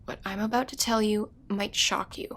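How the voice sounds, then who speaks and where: A woman's voice: mid-range voice, steady tone, moderate pace, fairly bright tone, lightly acted. A woman voicing a teenage girl heroine who speaks in an earnest, confiding way. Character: teen girl heroine, daughter of a superpowered mother. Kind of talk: fan voice acting for an animated game movie.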